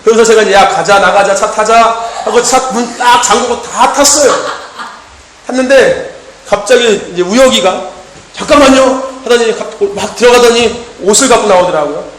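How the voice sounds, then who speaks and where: A man preaching in a church hall, his voice pitched unusually high. He moves between animated storytelling and shouted exhortation, calling out amen again and again. The room gives his voice a roomy echo, and the congregation answers amen behind him. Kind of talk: sermon.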